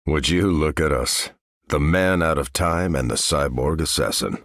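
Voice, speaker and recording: An actor with an American accent playing a noble, steadfast veteran super-soldier in a video game, speaking with earnest, measured authority. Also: male voice, extremely low pitch, a bit bright, no room sound, studio quality, exaggerated voice. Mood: steady, earnest. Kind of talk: video game character voice lines.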